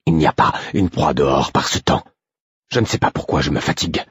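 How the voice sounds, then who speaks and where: A man's voice: a bass voice, brisk, fairly bright tone, breathy edge, dry recording, studio quality, full character voice. A man reading an audiobook voices a weary male wolf who grumbles tiredly.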